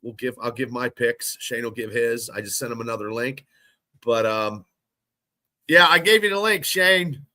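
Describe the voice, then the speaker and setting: A man with a mid-range voice and a sharp tone hosts a casual sports podcast at a moderate pace. He sounds congested and sick, rambling and often restarting his sentences.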